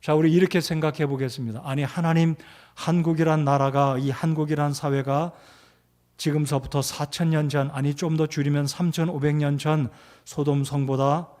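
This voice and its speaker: A man's voice: fairly high pitch, level tone, moderate pace, darkish tone. A man preaching a Sunday sermon as pastor, reading scripture aloud and then expounding it with mounting fervor.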